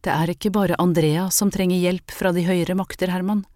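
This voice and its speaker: A woman's voice: fairly low pitch, steady tone, darkish tone, dry recording, clean studio sound, close to an everyday voice. A woman reading the part of a frightened young woman in an audiobook, pleading and urgent. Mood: anxious. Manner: pleading, breaking into cries and whispers.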